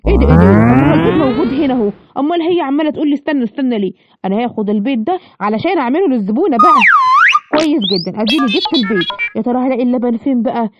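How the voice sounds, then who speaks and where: A woman with an Egyptian accent voicing a hasty male lion father who cooks, talking fast to himself. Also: on the high side, very animated, soft background music, pitched below the performer's own voice. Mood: bustling. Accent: Egyptian Arabic. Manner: fast, bustling, talks to himself. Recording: dull lo-fi, clear background noise.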